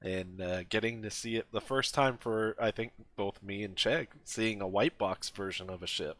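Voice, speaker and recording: A man co-hosting a casual gaming podcast, talking in a relaxed, rambling way with many fillers. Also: on the low side, moderate pace, no echo. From USA. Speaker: podcast co-host.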